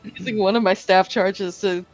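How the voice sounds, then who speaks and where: A woman's voice: medium pitch, fairly even intonation, brisk, soft background music. A young woman playing in a tabletop game session. She talks casually in a mid-range voice and giggles often between lines. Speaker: player.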